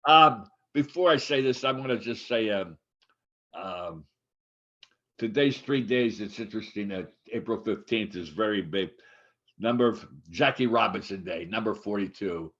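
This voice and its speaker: Older man in his eighties, low-pitched co-host, halting and digressive; dull recording. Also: a bit bright. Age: 80s. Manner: rambling, halting, many restarts and fillers. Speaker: podcast co-host. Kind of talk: casual chat. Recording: dull lo-fi sound.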